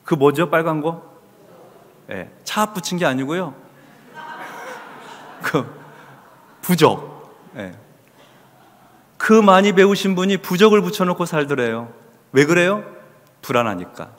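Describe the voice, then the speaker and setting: A man's voice: on the high side, very animated, takes it slowly, pauses often. A man preaching a Bible study sermon as pastor in a church, asking the congregation questions and answering them himself. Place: church sanctuary. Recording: long hall reverb.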